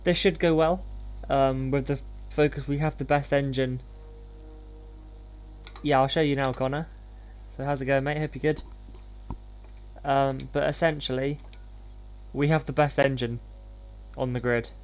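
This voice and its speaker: A man's voice: medium pitch, steady tone, measured pace, long pauses. A man hosting a gaming livestream, talking in an informal, laid-back, self-deprecating way as he commentates. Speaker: live streamer hosting gameplay.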